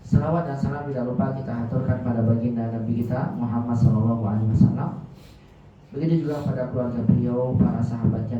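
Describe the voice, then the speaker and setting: An Arabic teacher opens a religious class in an echoey mosque, reciting Arabic prayers formally between stretches of Indonesian. His mid-range voice carries a little hiss or hum, picked up by a distant mic that leaves it muffled.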